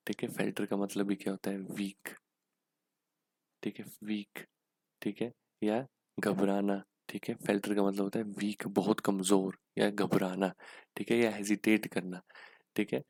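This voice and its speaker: A man's voice: lowish voice, vocal fry, a little mellow, dry recording. A young Indian man teaching English for a government exam, patiently going through questions and asking rhetorical questions as he explains. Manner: patient, repeats "ठीक है" and asks rhetorical questions.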